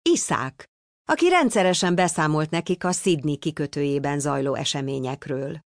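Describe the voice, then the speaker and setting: A woman reading a children's storybook aloud with expressive, animated delivery. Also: deep voice, dry recording, clean studio sound. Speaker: narrator.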